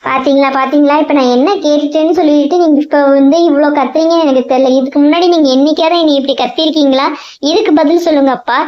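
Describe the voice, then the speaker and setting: A woman's voice: high voice, steady tone, fast, lightly acted. A woman voicing a young boy who presses his father with hurt, insistent questions, in a cartoon. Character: young boy Somu, hurt and stubborn son. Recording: dull lo-fi sound.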